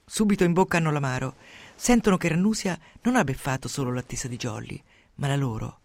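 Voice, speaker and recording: A man reading a novel aloud in a dramatic, expressive way, sinking to hushed tones at tense moments, into a close studio microphone. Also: fairly high pitch, brisk, gravelly, dry recording. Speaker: reader. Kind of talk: dramatic audiobook narration.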